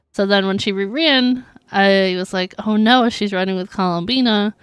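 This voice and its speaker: A woman's voice: medium pitch, clean tone, no room sound, studio quality. Chatty woman streaming a game. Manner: chatty, giggly, reacting aloud. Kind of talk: casual gameplay chat.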